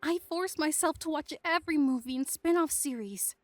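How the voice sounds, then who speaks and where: A woman's voice: high-pitched, moderate pace, faint music behind, pitched above the performer's own voice, natural voice. A woman voicing an emotional, lovesick young woman who wavers between tears and self-mockery. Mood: rueful.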